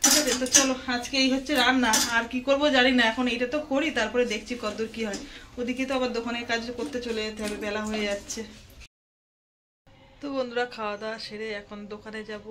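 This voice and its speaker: Her voice sits on the high side with a steady tone and a quick pace. She's a home vlogger narrating her chores to viewers in a running commentary, phone in hand as she walks between inside and outside, surrounded by noisy household ambience.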